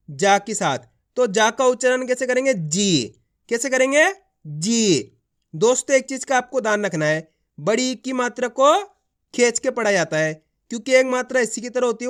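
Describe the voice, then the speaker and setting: A man's voice: very high-pitched, lively intonation, fairly quick, a bit bright. A male teacher giving an online reading lesson, sounding words out syllable by syllable and answering his own questions. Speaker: Hindi teacher.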